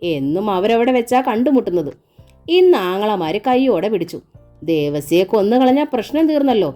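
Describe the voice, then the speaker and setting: A woman's voice: medium pitch, big pitch swings, moderate pace, mellow, soft background music, pitched above the performer's own voice, natural voice. A woman voicing a spiteful older village man who spreads scornful accusations.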